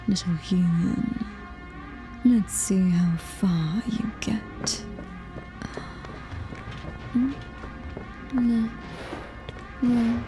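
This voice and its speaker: A British woman with a mid-range voice whispers breathily as a menacing, coldly superior alien-human hybrid in an ASMR horror roleplay. She's deliberate and taunting, with a predatory mood.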